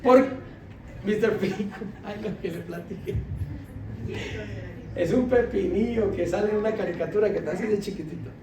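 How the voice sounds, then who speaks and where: A deacon with a high voice delivers a sermon testimony, telling a story with animation and laughter and dropping his voice low to quote others. He speaks at normal speed with long pauses, heard from a distance in an echoey church hall with faint ambient noise.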